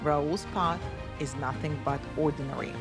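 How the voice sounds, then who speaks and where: A woman hosting a podcast interview, upbeat and quick to laugh. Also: deep voice, steady tone, over music. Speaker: podcast host.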